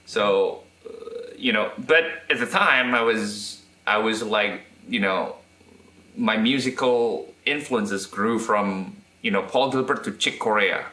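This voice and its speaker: Man, indonesian accent, lowish voice, bright tone, echoey room, halting speech with "right?" tags. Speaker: guest guitarist and electronics restorer. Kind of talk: casual interview chat.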